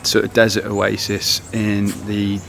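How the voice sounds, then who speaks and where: Rambling on with many fillers, a young man vlogs his travels to a handheld camera on the road and in towns. His lowish voice is gravelly and fairly bright, delivered completely flat at a measured pace, and the camera's outdoor audio is noisy.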